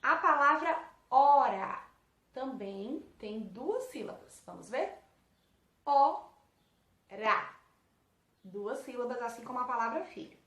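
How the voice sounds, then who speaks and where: A woman's voice: fairly high pitch, animated, unhurried, fairly bright tone. Patient woman teacher, echoey room. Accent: Brazilian Portuguese. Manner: patient, asks pupils questions and answers them. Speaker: primary school teacher. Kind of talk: correcting homework for young pupils.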